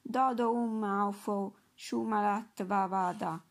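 A woman's voice: mid-range voice, steady tone, slow, vocal fry. Woman voicing a charming girl chanting gibberish. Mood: playful. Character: charming playful young native girl speaking nonsense.

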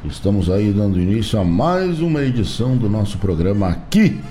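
A man hosts live radio with a southern Brazilian gaúcho accent. His voice is lowish and mellow but very lively, chatting in folksy greetings and tag questions over soft music. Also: brisk. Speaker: radio host. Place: radio studio.

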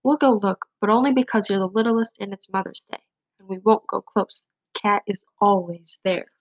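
A woman's voice: mid-range voice, moderate pace, dry recording, lightly acted, poor audio. A protective eldest brother mouse from a storybook gives firm instructions, always in charge. A woman reader voices him in a mid-height voice. It is recorded close and dry. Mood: cautious.

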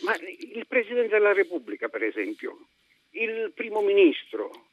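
A man's voice: high-pitched, sing-song, moderate pace. Indignant male phone-in caller, muffled line. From Arezzo, Italy. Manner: indignant, agitated ranting. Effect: phone call heard over a radio broadcast. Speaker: radio show caller.

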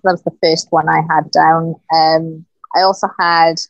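A woman's voice: deep voice, level tone, unhurried, creaky, dry recording. Woman, podcast co-host, casual chat, giggly, dry dull sound. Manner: giggly, reads out quotes from notes.

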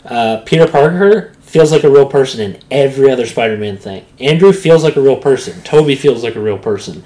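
A podcast co-host in casual chat, talking with animated energy and often slipping into mocking character voices. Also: mid-range voice, brisk.

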